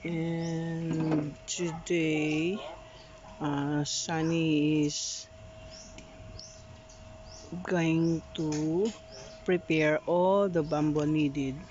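A woman giving a slow, casual tour of her house being renovated, recorded on a phone. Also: deep voice, level tone, background noise. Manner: slow, plain narration with fillers, teasing the workers. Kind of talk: casual home tour vlog. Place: outdoors and inside a house under construction. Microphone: phone camera held by the speaker. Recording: dull phone audio, voices around.

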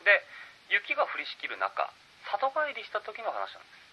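A man telling a true ghost story, swinging from hushed murmurs to loud bursts, with dramatic pauses and sound effects. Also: sits high, wildly swooping pitch, slightly rough, rough recording.

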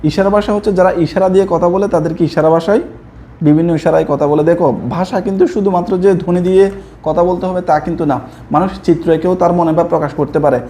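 A young man from Chittagong, Bangladesh, speaking with a Chittagonian Bengali accent, teaches a slide-based exam prep lesson and repeats key answers for his students. His voice is fairly high and mellow, with a little hiss or hum.

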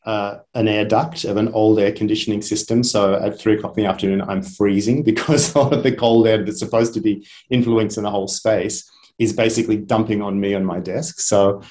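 Man, webinar presenter, fairly low voice, chatty, hesitant. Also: steady tone, brisk, darkish tone. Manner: chatty, hesitant with many ums. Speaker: head of a media academy. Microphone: video call.

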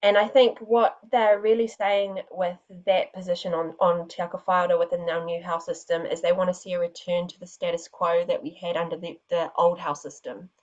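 A woman speaking as a panellist on a public policy panel, answering in a measured, methodical way. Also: on the low side, little pitch movement, dull audio.

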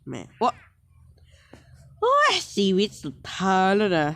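Slow-talking playful young gamer guy. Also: high-pitched, huge pitch swings, vocal fry, fairly bright tone, no echo. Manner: playful, teases and scolds the game characters, frequent little exclamations. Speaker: let's-play gamer. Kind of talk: casual gameplay commentary.

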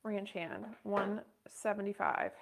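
A woman in her thirties runs a live-stream purse auction inside a western boutique, chatty and bubbly as she calls bids. Her medium-pitched, creaky voice is steady and slow, with a little hiss or hum in the recording.

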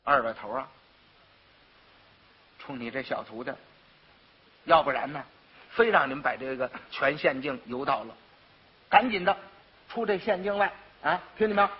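A calm, kindly constable, put on by a man with a Beijing accent speaks low and quietly. His voice is husky and gentle. The old recording sounds dull. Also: moderate pace, long pauses. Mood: stern. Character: soft-spoken male constable, kindly and calm.

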